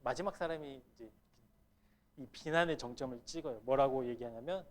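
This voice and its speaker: A man's voice: medium pitch, brisk. A middle-aged male pastor giving a Sunday sermon, asking the congregation questions and acting out quoted speech. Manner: asks the congregation questions and acts out quoted lines. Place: church sanctuary.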